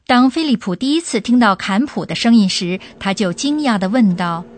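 A woman's voice: medium pitch, lively intonation, normal speed. A woman hosting a radio language lesson, putting listeners' questions to a professor. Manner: asks the expert leading questions.

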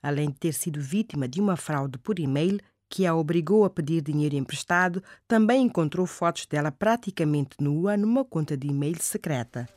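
A radio serial announcer delivers scripted narration in a measured, presentational way. The voice sits at a middle pitch and is recorded dry, with very little room around it. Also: lively intonation, a little mellow, dry recording.

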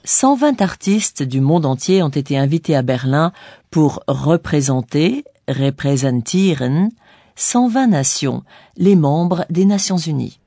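A woman narrating a scripted language course in a didactic way, pausing on key words. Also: low-pitched, expressive, warm tone, no echo. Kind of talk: scripted bilingual explanation.

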